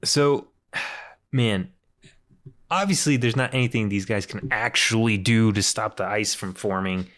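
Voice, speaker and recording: A man's voice: lowish voice, measured pace, fairly bright tone. Rambling man podcaster thinking aloud. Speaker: podcast co-host. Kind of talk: casual comedic chat.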